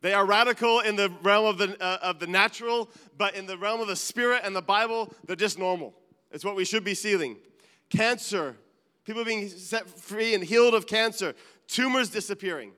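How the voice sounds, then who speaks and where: Preaching earnestly at a moderate pace, a male pastor with a high, bright, clear voice builds to emphatic peaks and drops into asides. A long reverb carries his sermon, as if in a large church hall.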